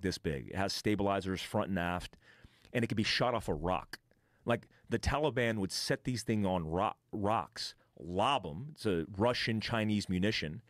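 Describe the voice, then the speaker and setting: Blunt profane man, lowish dry voice. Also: no echo. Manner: blunt and profane, acts out gunfire and blasts with vocal sounds. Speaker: podcast guest, military veteran. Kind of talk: casual storytelling.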